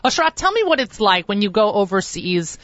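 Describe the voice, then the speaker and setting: A woman's voice: medium pitch, sing-song, fairly quick, a bit bright, dry recording. Woman host of a talk show, super effusive, dry muffled sound. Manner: effusive, enthusiastic interjections. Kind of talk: radio talk show interview.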